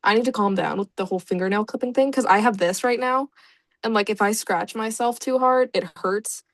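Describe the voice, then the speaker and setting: A woman's voice: mid-range voice, fairly quick, no echo. A young woman giving casual let's-play commentary, chatty and reacting aloud with laughs and groans. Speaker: gaming YouTuber.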